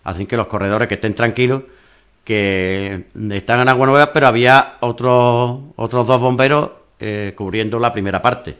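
A man's voice: mid-range voice, normal speed, fairly bright tone, clean tone. A man who organizes a mountain race, talking it through in a rambling radio interview with many restarts.

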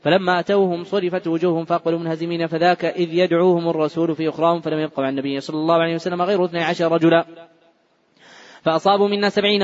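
A man's voice: a little high, highs cut off. A man reading hadith aloud at speed in a mosque, restarting words he stumbles on. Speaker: hadith reader. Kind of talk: rapid recitation of hadith text. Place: large mosque.

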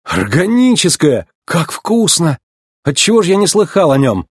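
A man's voice: fairly high pitch, animated, moderate pace, darkish tone, breathy edge, no echo, studio quality, voice pushed up. A man doing a cocky young race car. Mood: playful. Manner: easygoing, playful.

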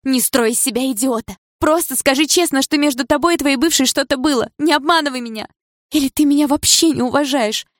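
A woman's voice: medium pitch, moderate pace, pauses often, darkish tone, breathy edge, dry recording, clean studio sound. A woman voicing a hurt teenage girlfriend who speaks tearfully and bitterly.

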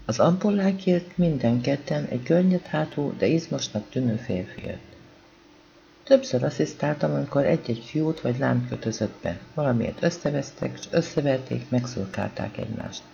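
A man with a gravelly voice reading a novel aloud as an audiobook narrator, calm and even, voicing the dialogue quietly. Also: mid-range voice, lo-fi sound. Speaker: audiobook reader.

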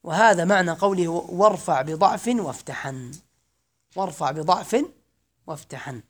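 A man giving a classroom grammar lesson, slowly reciting verse lines, then explaining them and quizzing his students. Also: fairly high pitch. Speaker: grammar teacher.

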